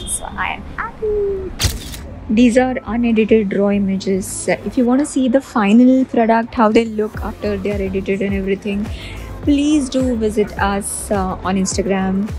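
A woman's voice: medium pitch, expressive, moderate pace, low-quality recording. A woman, chatting casually to a phone camera at arm's length in a cafe, upbeat and laughing often. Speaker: vlogger and cafe owner. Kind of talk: casual behind-the-scenes vlog. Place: cafe, indoors and on a leafy outdoor terrace. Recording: phone vlog with music underneath. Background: background music.

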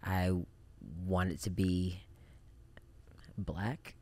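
Deep-voiced man chatting as podcast guest. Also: drawn-out words, no echo. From Japan. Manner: relaxed, reflective, many fillers. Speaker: podcast guest, film director. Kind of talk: casual interview chat. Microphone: studio mic on boom arm.

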